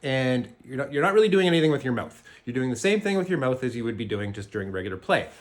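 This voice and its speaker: A man with a Canadian accent giving a casual music tutorial, relaxed and halting, with fillers and restarts. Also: mid-range voice. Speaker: jaw harp teacher.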